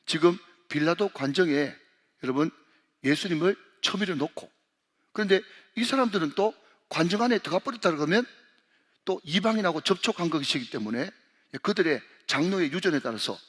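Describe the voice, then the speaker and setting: A man's voice: on the high side, fairly bright tone, slightly rough. A man who is a senior pastor preaching a sermon, talking straight to the congregation and calling them to read along. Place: church sanctuary. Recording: long hall reverb.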